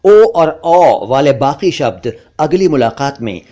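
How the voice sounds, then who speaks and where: A man teaching pronunciation, saying each word slowly and carefully and repeating it. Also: on the high side, very animated, mellow. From India. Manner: slow, deliberate, repeats words carefully. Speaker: language teacher. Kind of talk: pronunciation lesson narration.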